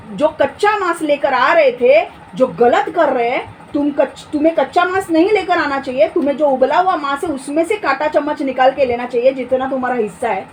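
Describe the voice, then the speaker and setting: A woman with a high voice preaches a forceful sermon, firing off rhetorical questions and scolding her listeners. Faint background noise sits under her speech. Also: rough recording.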